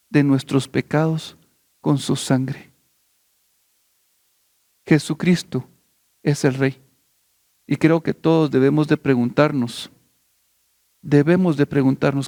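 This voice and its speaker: A man preaching a sermon as pastor, repeating phrases in a fervent cadence, then praying in slow, pleading words. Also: a little high, warm tone, no echo, studio quality. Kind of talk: sermon turning into prayer.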